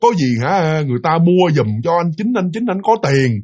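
A man voicing his frightened middle-aged mother, pleading in a soft, hushed voice. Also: fairly high pitch, lively intonation, normal speed.

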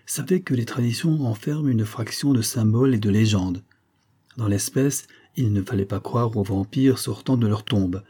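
Man, audiobook narrator, measured reading, dark mellow voice, husky. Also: mid-range voice. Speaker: audiobook reader. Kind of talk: scripted narration of a novel.

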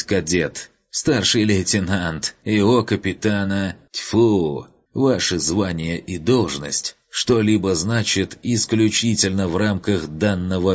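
A man voicing a tall, skinny, arrogant male colonel who barks orders and cracks into falsetto, in an audiobook. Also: muffled recording. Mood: haughty. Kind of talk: audiobook character voice.

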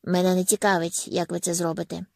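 A man's voice: high-pitched, level tone, fairly quick, gravelly, dry recording, clean studio sound. A woman voicing an impatient man in charge who speaks brusquely and insistently, in an audiobook reading.

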